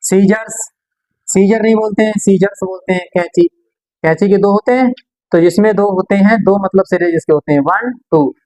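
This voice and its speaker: A man's voice: sits high, a little mellow, rough recording. A man teaching a grammar class, explaining step by step and answering his own questions.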